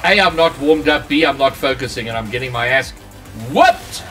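A man's voice: mid-range voice, animated, moderate pace, distant mic, music in the background. A man commenting on his own gameplay during a live stream, his voice run through a voice changer. He chats with viewers between plays and swears when things go wrong. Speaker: gaming streamer.

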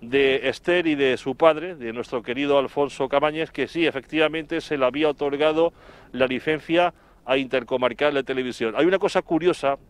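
A middle-aged TV reporter with an accent from Spain reports live outdoors in front of an office building, speaking wordily and haltingly and repeating words as he recalls events. His voice is mid-range and clean, picked up by a handheld microphone through a face mask.

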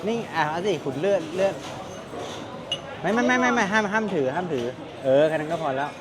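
Man, food vlog host, casual chat, slightly high voice, loud crowd behind. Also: lively intonation, a little fast. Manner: chatty, thinks aloud while tasting. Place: busy old-style cafe and city street.

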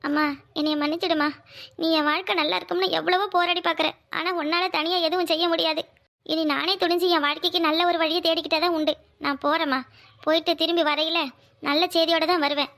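A woman's voice: very high voice, level tone, fast, a bit bright. Woman voicing a torn young village woman. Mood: anxious. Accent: southern Tamil Nadu dialect. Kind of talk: cartoon voice acting.

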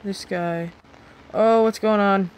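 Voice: medium pitch, fairly even intonation, slow, poor audio. A gaming host giving casual, jumpy reaction commentary on a horror game, repeating phrases when startled. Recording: clear game noise behind voice.

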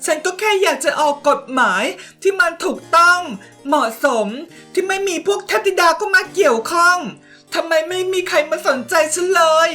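A woman's voice: very high voice, moderate pace, bright, forceful tone, faint music behind, pitched above the performer's own voice. A woman voicing a timid young woman leader who pities herself and apologizes constantly. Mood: self-pitying. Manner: plaintive, apologetic.

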